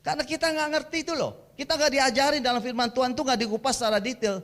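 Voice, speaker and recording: High-voiced man preaching with casual humor. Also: quick pace. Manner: lively storytelling with casual slang and laughter. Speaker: guest preacher. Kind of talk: humorous sermon. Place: church.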